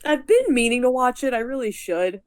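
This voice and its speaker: A woman from Philadelphia hosting a remote podcast chat, bubbly and quick to laugh along. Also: on the high side, very animated, clear, resonant tone. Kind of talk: casual chat.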